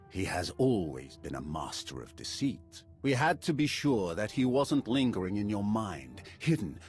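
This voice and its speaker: An actor playing a grave, menacing dark lord in a video game, speaking solemnly and formally. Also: male voice, lowish voice. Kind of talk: dramatic video game acting.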